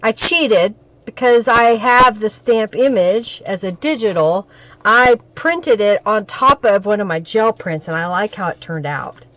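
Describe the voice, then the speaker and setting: Hoarse and crackly from a cold, a woman runs a crafting live stream, chatting with viewers while she works. Her mid-range voice is unhurried and a little bright, with no room sound.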